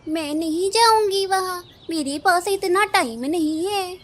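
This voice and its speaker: A woman's voice: very high-pitched, a little slow, slight background noise. A woman voicing a nagging cartoon crow wife. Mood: scolding. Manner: scolding, complaining.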